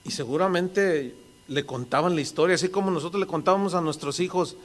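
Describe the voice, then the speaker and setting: Mexican male preacher in his sixties, earnest, conversational, higher-pitched sermon voice. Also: a little fast.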